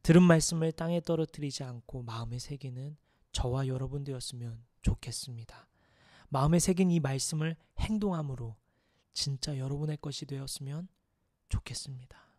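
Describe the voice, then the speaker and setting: A man preaching a sermon in an earnest, measured way, pausing to reflect and often dropping to a soft, hushed tone. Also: mid-range voice, dry recording, studio quality.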